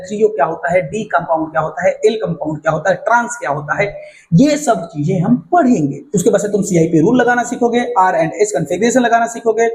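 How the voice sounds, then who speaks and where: A male teacher walking students through a syllabus in a casual, fast-talking way, often checking that they follow. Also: high voice, darkish tone, poor audio. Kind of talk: casual syllabus walkthrough lesson.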